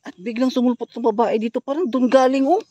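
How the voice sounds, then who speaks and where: A man's voice: very high voice, fast talker, mellow, no room sound. A man filming a ghost-hunting vlog in a forest outdoors, speaking straight to his viewers in a suspenseful, wary way. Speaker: ghost hunter vlogger.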